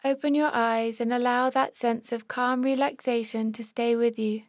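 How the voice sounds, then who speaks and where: A woman's slightly high, steady voice walks listeners through a body scan, unhurried and level with little variation. The short instructions are captured close to the mic, very dry and echo-free.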